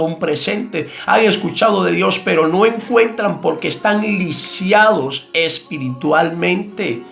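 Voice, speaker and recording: High-voiced gravelly preacher man. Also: fairly bright tone. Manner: impassioned preaching with repeated cries and rhetorical questions. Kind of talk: sermon.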